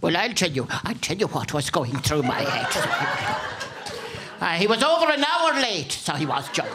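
A performer voicing a cantankerous, chatty old Irish president in a radio comedy impression, with an Irish accent. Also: female voice, on the low side, normal speed, over a noisy crowd, very noisy. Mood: grumpy, indignant. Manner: grumbling, chatty, excitable.

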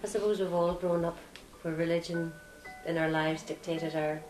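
A woman's voice: lowish voice, steady tone, normal speed. A woman from the north of Ireland with a Northern Irish accent, talking reflectively in an interview. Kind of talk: reflective conversation. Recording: roomy echo, music behind.

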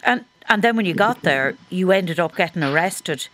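A woman's voice: fairly low pitch, animated, normal speed, a bit bright. An Irish woman presenting on radio and interviewing in a conversational, engaged way. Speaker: radio host. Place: radio studio.

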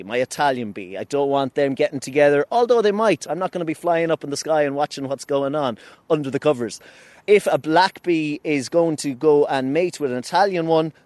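A man's voice: fairly high pitch, a little mellow, no echo. A man with an Irish Midlands accent, talking enthusiastically and at length as a beekeeper in a casual interview. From Irish midlands (Athlone), Ireland. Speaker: beekeeper and wildlife rescuer, interviewee.

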